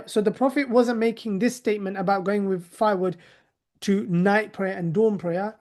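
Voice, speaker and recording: A man's voice: high-pitched, darkish tone. A man teaching a live class in a conversational way, with sarcastic rhetorical asides. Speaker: teacher of hadith.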